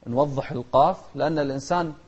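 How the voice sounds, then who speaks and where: A man with a Gulf Arabic accent teaching children tajweed, explaining each rule and then chanting the verses slowly and melodically while contrasting right and wrong pronunciation. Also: fairly high pitch, a little mellow, slightly rough, muffled recording. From Kuwait. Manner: corrects mispronunciations by contrast. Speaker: Quran recitation teacher.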